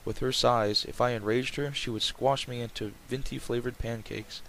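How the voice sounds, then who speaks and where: In a mid-range, fairly bright voice with fairly even intonation, a let's player reads visual novel text at a moderate pace, adding informal, joking asides. The recording is rough, with clear background noise and game ambience.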